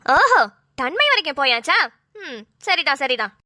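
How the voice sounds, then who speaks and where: Woman doing a high, sharp-tongued mother. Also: big pitch swings, moderate pace, no room sound, clean studio sound, heavily acted. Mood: sarcastic. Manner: sarcastic, teasing. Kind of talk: Tamil cartoon voice acting.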